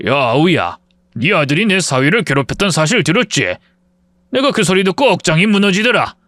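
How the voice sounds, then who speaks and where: A man's voice: sits high, expressive, fairly quick, fairly bright tone, no echo, clean studio sound. A man playing a stern older father-in-law.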